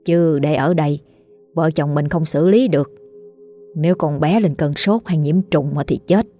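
A woman voicing a kindly, practical older village wife who calmly talks her husband into helping. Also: deep voice, normal speed, soft background music, close to an everyday voice. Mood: persuasive.

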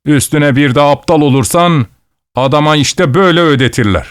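A man's voice: a little high, fairly quick, smooth, dry recording, clean studio sound, pitched above the performer's own voice, natural voice. A man voicing a gloomy, blunt old soldier in an audiobook, speaking in a grim, matter-of-fact way.

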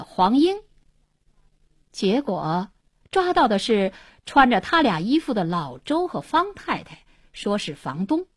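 A woman tells a radio story at an unhurried pace. Her pitch moves widely as she voices each character, and her husky tone sits in a dry, close studio sound. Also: no room sound. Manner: acts out every character's lines, rising to shouts. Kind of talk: dramatic story narration with voiced dialogue.

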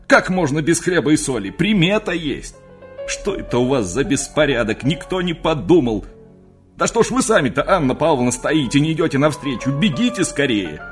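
A man playing a bustling, superstitious older family friend who scolds loudly about omens and disorder. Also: a little high, big pitch swings, normal speed, soft background music, voice pushed up. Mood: fussy alarm.

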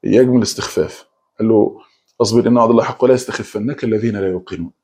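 Gravelly fast-talking Egyptian preacher. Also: male voice, on the low side, darkish tone. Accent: Egyptian Arabic. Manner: quick speech with frequent restarts and repeated words. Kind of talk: religious talk.

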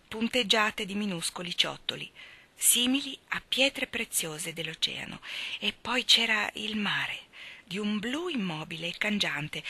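A woman reading a novel aloud as narrator, with slow, lyrical phrasing. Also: fairly low pitch, pushed and bright, breathy edge. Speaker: reader. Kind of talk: audiobook reading.

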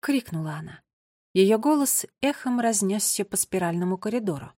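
A woman reading an audiobook in a measured, expressive storybook narration. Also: mid-range voice, no echo, clean studio sound.

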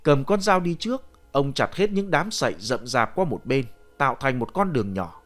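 Animated male ghost story narrator. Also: medium pitch, moderate pace, soft background music. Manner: animated storytelling, shouting the boy's cries.

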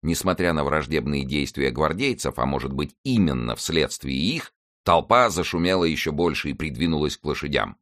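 Male audiobook reader, very low voice, lively intonation, scripted narration. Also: moderate pace. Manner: lively, expressive reading. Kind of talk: scripted narration of a classic novel.

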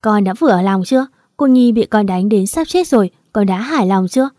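A remorseful father confronting his daughter, voiced by a woman storyteller. His reproach is pleading rather than angry. The voice is mellow and dark, recorded close and dry. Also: medium pitch, lively intonation, a little fast, no echo, lightly acted. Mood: reproachful.

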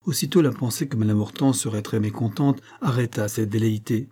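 A man narrating a novel in a measured, even storytelling manner. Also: on the low side, slightly rough. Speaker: audiobook narrator. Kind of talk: scripted narration.

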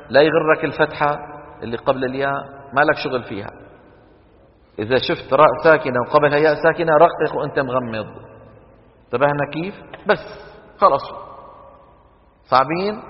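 A man teaching Quran recitation rules to a class, quizzing students with quick questions and chanting the examples slowly. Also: on the high side. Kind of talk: classroom lesson on tajweed rules. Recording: dull lo-fi recording with long hall reverb.

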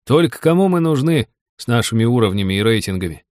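A man's voice: medium pitch, lively intonation, quick pace, darkish tone, no room sound, clean studio sound, lightly acted. A man voicing a talkative, hungover male gamer buddy who gripes about money, in an audiobook. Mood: grumbling.

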